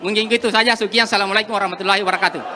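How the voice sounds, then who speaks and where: A man's voice: high-pitched, fairly even intonation, very fast, crowd noise, background noise. A man speaking earnestly as a farmer group representative, addressing an official at a public forum. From South Sulawesi, Indonesia. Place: outdoors.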